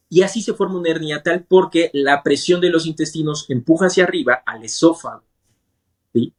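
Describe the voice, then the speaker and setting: A man's voice: a little high, slightly rough. A man, a gastrointestinal surgeon, explains medical ideas in plain terms as an interview guest. He speaks in a patient, teacherly way and often checks that he is understood.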